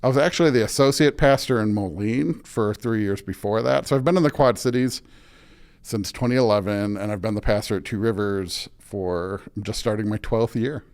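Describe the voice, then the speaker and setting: A middle-aged man from suburban Illinois, with a Midwestern American accent, talks casually as an interview guest, chatty and full of anecdotes, often dropping in "like." His voice is on the low side, smooth and a little mellow, at a moderate pace.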